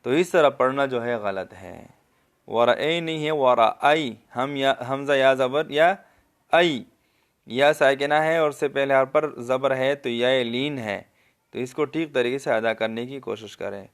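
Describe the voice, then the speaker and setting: A man with a Pakistani Urdu accent teaching tajweed, explaining the rules and then reciting the verses slowly in a raised, melodic voice, often checking whether the listener understood. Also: medium pitch, clean tone. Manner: asks the listener if they understood. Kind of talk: tajweed lesson with slow demonstration recitation.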